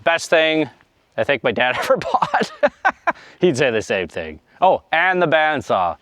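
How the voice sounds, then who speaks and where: A man's voice: on the high side, sing-song, a little slow, a bit bright, no echo, studio quality. Chatty out-of-breath young man vlogging outdoors. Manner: chatty, rambling with fillers and trailing asides. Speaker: homestead vlogger. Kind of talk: casual vlog talk to camera. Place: outdoors in a snowy yard. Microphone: action camera.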